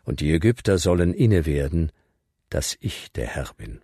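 Guy doing god's voice, super deep and husky, solemn commanding, dry mic. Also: big pitch swings, mellow, no echo, exaggerated voice. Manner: solemn, grave, measured. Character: God, deep commanding divine male voice.

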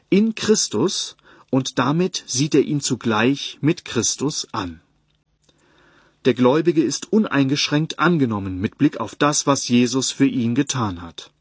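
Ein Mann, der ruhig und gemessen eine Predigt vorliest und dabei Bibelstellen angibt. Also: male voice, medium pitch, breathy edge, no echo, studio quality. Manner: calm, measured, citing verses. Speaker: Bible teacher. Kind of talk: read sermon on a Bible text.

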